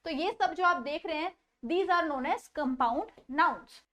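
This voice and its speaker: Woman teacher, high voice, slow measured delivery, online grammar class. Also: expressive, a bit bright. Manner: mixes Hindi explanation with slow deliberate English. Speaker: English teacher.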